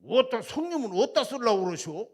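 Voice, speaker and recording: A man voicing a chummy, excitable Jeolla landowner who drawls in a familiar way. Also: a little fast. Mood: curious. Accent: Jeolla dialect. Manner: loud, high, drawling and familiar.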